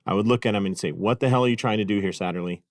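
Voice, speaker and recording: A middle-aged podcast host and clinic consultant tells a casual story into a podcast microphone, his lowish voice racing along. He pokes fun at himself and leans on frequent fillers, and the recording is dry with clean studio sound.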